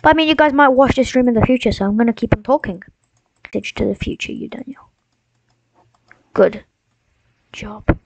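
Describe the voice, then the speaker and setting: A woman's voice: fairly high pitch, normal speed, pauses often, no room sound. A young woman streaming a game, rambling and mock-heroic as she talks to herself and her viewers. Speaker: gaming streamer. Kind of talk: casual live-stream commentary. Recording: dull lo-fi sound.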